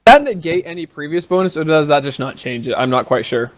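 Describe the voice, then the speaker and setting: A man playing a tabletop role-playing game, talking excitably and swearing a lot. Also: fairly high pitch, fast. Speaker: player. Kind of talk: casual tabletop role-play chat.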